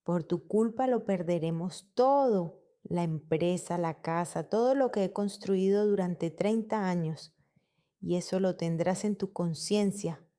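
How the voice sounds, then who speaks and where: A woman's voice: fairly low pitch, a little slow, natural voice. Woman reading as a furious domineering father. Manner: shouting, domineering. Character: stern older male father, furious.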